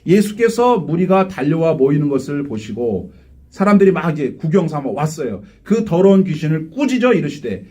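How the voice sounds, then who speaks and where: A man's voice: on the high side, moderate pace, breathy edge. A male pastor preaching a live Sunday sermon in a church, asking the congregation questions and acting out the quotes he tells. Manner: animated, asks the congregation rhetorical questions, acts out quotes. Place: church sanctuary.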